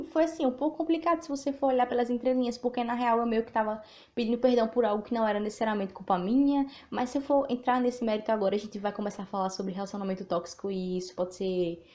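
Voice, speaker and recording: Speaking in a slightly high, mellow voice, a Northeast Brazilian woman with a Sergipe accent hosts her podcast a bit nervously. Her monologue is informal and reflective, and she reads aloud a text of her own authorship.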